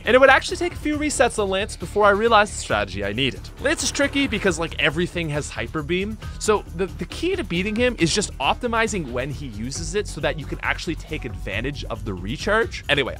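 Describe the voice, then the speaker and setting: A young man narrating his gameplay run as a gaming video host, upbeat and chatty over faint music. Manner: upbeat, chatty, lively swings in pitch. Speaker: gaming YouTuber. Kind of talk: energetic game commentary voice-over. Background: faint background music.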